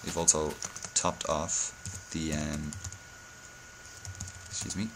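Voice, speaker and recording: A man's voice: extremely low pitch, little pitch movement, slow pace, noisy background. A hungover man giving a casual game-building tutorial, speaking hesitantly and often correcting himself. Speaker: video tutorial host.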